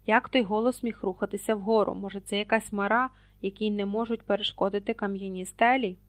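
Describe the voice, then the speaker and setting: Female audiobook narrator, expressive delivery, mid-pitched, dry close mic. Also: a little fast, no echo. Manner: expressive, reads page numbers aloud. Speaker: audiobook reader. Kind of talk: scripted narration.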